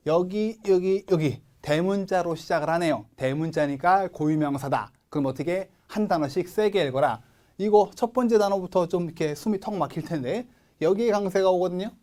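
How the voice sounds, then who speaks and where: A man with a Korean accent teaching English test prep in a recorded lecture, emphatic, drilling words slowly and asking and answering his own questions. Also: high voice, dark tone. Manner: asks questions and answers them himself.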